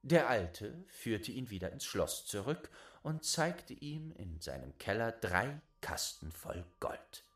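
A man reading a fairy tale aloud in an expressive way, sometimes sinking into a whisper. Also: lowish voice, takes it slowly, hardly any pauses. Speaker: storyteller.

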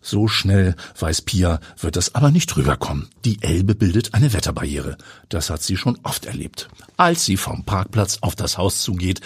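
A man's voice: deep voice, breathy edge, no room sound, studio quality. A man reading a suspenseful story aloud, at times dropping into a whisper. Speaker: audiobook narrator. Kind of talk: scripted narration.

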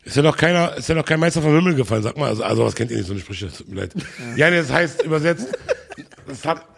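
A man's voice: fairly high pitch, lively intonation, quick pace, creaky, breathy edge. A man guesting on a podcast, chatting casually and joking boisterously with a lot of laughter.

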